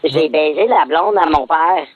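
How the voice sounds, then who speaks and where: A man's voice: fairly high pitch, a little slow, no room sound. A man calling in anonymously with his voice electronically modified to hide who he is. He speaks with a Québécois accent and talks hesitantly, drawing his words out. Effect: electronically modified voice to disguise him. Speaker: anonymous caller. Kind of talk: confession on a radio call-in. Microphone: phone line. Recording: muffled phone-in through a voice changer.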